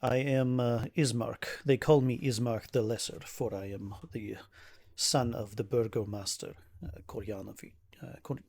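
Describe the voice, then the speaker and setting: A man voicing a stressed, tired young nobleman who speaks in a formal, halting, old-fashioned way. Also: medium pitch, fairly even intonation, gravelly, darkish tone. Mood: grieving. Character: weary young nobleman, grieving son of a town leader.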